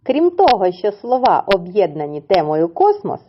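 Lo-fi audio with a bit of hiss or hum captures a preschool teacher whose mid-range voice is sing-song and coaxing. She leads small children through a lesson, drawing out words slowly, syllable by syllable.

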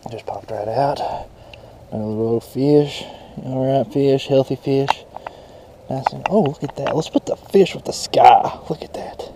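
A young man, vlogging excitedly while fishing at a rural pond, recorded on a chest-mounted action camera. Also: medium pitch, unhurried. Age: young adult. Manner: excitable, shouts with joy over big catches. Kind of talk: casual vlog narration while fishing. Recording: faint outdoor noise, action camera.

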